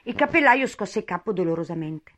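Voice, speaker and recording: A woman narrating a storybook with an expressive reading. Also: medium pitch, brisk.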